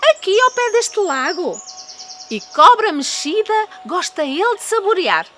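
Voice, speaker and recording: A woman's voice: very high voice, sing-song, a little slow, sharp tone, a little hiss or hum, voice pushed up, heavily acted. A woman with a European Portuguese accent voicing a small, cunning, boastful male mouse in a storybook, polite, teasing and dramatic. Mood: cheeky, boastful. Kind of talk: storybook character voice.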